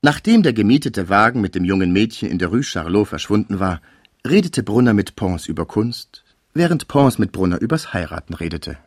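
A man with a lower voice reads a classic novel aloud as an audiobook narrator, his delivery measured yet expressive and very animated, rising and falling. The recording is close and completely dry, with no room sound around him.

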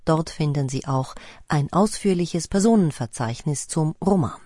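Low, mellow female radio announcer. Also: expressive, moderate pace, no room sound, studio quality. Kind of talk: scripted announcement.

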